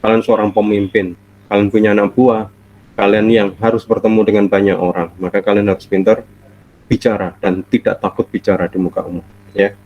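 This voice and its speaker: Lecturing online from home, this middle-aged man speaks in a lowish voice with little pitch movement, and a cold leaves him nasal and stuffy. His manner is warm and talkative, full of laughter and long, stretched fillers. It comes through as muffled, low-fidelity call audio.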